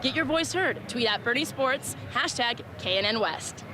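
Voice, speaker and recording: A woman's voice: a little high, animated, moderate pace. A woman working as a motorsport pit reporter, delivering presentational broadcast reports and questions. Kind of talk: scripted broadcast reporting and interviewing. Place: outdoors at a racetrack. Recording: noisy outdoor trackside sound.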